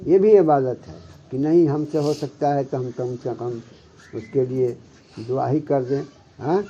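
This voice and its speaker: A man giving a devotional sermon as a Sufi spiritual guide, often stopping to check with his listeners and slowly reciting Arabic scripture. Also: medium pitch, dark tone, faint music behind. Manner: keeps checking with listeners, "hmm?". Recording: muffled lo-fi recording.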